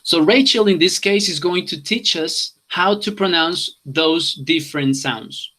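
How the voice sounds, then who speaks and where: A man's voice: fairly high pitch, slow, pushed and bright. A man from Colombia teaching an online English class, switching languages and repeating instructions.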